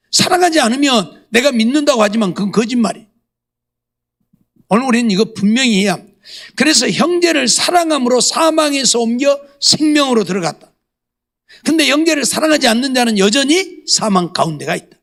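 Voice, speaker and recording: A man's voice: extremely high pitch, animated, brisk, creaky, long pauses, fairly bright tone. A middle-aged male pastor preaching a sermon, emphatic and scolding, firing off rhetorical questions to the congregation.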